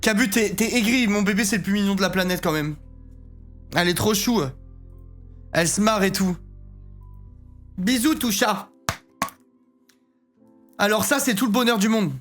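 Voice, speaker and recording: A man's voice: high voice, moderate pace, long pauses, fairly bright tone, soft background music. Joking man streamer with a cold. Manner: joking, laughs often, swears casually. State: has a cold, stuffy and sick. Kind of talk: casual live-stream chat.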